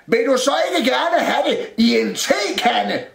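A guy voicing a deaf old talking cupboard, yelling high, lots of echo. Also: expressive, gravelly, full character voice. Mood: shouting back. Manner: booming, mishears everything. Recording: roomy echo.

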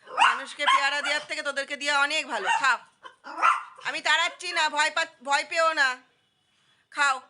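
A woman's voice: high-pitched, steady tone, a little fast, long pauses, heavy background noise. A woman vlogging casually around her home and yard, coaxing and chatty, often repeating herself. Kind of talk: casual vlog narration. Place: home and yard with wood stove.

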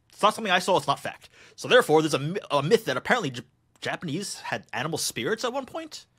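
Bright-voiced American man hosting. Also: a little high. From United States. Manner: chatty, rambling, with restarts. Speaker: podcast host. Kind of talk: conversational interview.

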